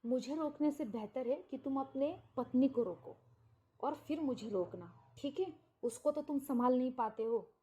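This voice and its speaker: A woman's voice: sits high, moderate pace, dull audio, lightly acted. A woman storyteller voicing a defiant young woman who taunts the man holding her back. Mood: scornful. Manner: taunting, sharp retort. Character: defiant young mistress, scornful.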